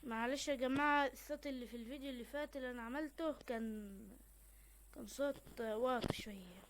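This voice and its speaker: Excitable high-voiced Egyptian woman gamer. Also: fast talker, noisy background. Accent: Egyptian Arabic. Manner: excitable, bursts into loud exclamations. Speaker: gaming channel host. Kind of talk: let's-play game commentary. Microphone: desktop microphone.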